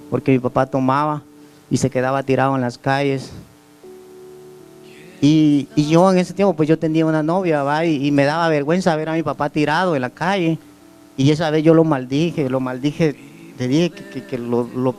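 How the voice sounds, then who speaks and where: A man's voice: on the high side, darkish tone. A man gives an earnest church testimony, repeating words as he tells his story. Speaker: church member giving testimony. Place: church service.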